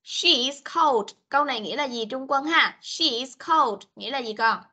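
A woman teaching English to young children over a video call, speaking, patient and coaxing, mixing with slow English. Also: high-pitched, lively intonation, bright, forceful tone, breathy edge. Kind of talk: online class for young children.

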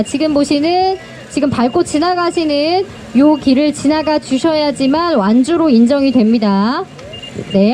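A woman's voice: high voice, dark tone. A woman making live public announcements at an outdoor cycling start, giving riders instructions in a courteous customer-service manner. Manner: repeats safety instructions encouragingly. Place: outdoors at a race start line. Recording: noisy outdoor recording with passing vehicles.

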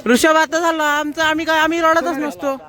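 A man's voice: extremely high pitch, flat delivery, brisk, sharp tone. A young man from Maharashtra vlogging outdoors at a camp farewell, playfully teasing his friends. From Maharashtra, India. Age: young adult. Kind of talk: casual teasing vlog chat. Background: crowd of students chatting.

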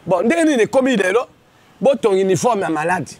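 A man's voice: high-pitched, big pitch swings, a little fast, darkish tone. A man, a comedian being interviewed, talking in an exuberant, declamatory way. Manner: exuberant, declamatory, mixes two languages. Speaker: comedian interviewed in his stage persona. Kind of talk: street interview, lively self-promotion. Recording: crowd noise behind.

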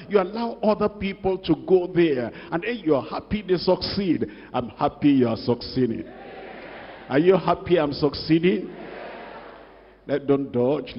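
Older man preaching in a large echoing hall. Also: fairly high pitch. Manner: rebuking, asks the congregation direct questions. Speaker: pastor. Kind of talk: sermon. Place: large church hall at a pulpit. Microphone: handheld microphone. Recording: dull reverberant hall sound.

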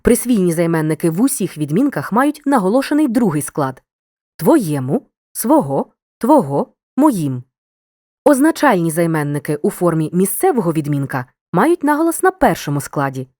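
A woman narrating a scripted grammar lesson in a clear, measured, instructive way. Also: on the low side, big pitch swings, a little mellow, dry recording, studio quality.

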